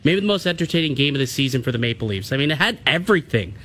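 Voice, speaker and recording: A man's voice: medium pitch, sing-song, racing, a bit bright, a little hiss or hum. A man with a mid-range voice gives casual sports analysis as a radio co-host. He is emphatic and likes to hammer points by repetition.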